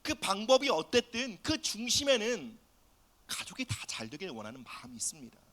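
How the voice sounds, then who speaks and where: A man preaching an earnest sermon in a high, bright voice that rises and falls widely. He often sinks to a soft near-whisper to press a point home, and acts out quoted family voices as he goes. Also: wildly swooping pitch, moderate pace. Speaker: pastor.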